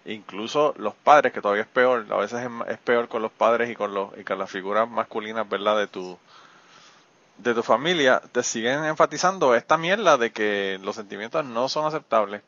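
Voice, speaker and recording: A man's voice: fairly low pitch, moderate pace, a bit bright, no room sound, highs cut off. A man hosting a podcast interview, talking frankly and reflectively and swearing casually. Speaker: podcast host. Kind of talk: candid interview chat.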